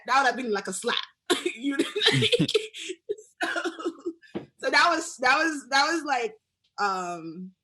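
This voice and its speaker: Young adult woman from Nigeria, interview guest; slow, hesitant, bright tone. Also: mid-range voice. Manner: hesitant, many fillers and restarts, laughs often. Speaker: guest artist. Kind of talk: casual interview chat.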